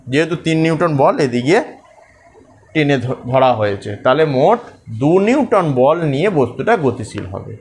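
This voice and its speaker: A man teaching a school physics lesson, working through forces step by step and checking that pupils follow. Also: a little high.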